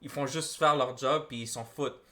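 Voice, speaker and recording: A man's voice: medium pitch, moderate pace, a little hiss or hum. A man, hosting a reaction video in casual, slangy chat that drifts into English. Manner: animated, slangy, mixes English into French.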